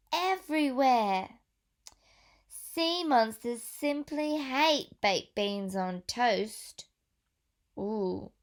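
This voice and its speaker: A woman teacher with a voice that sits high reads a picture book aloud to young children. She pauses for questions and adds gentle whispered asides.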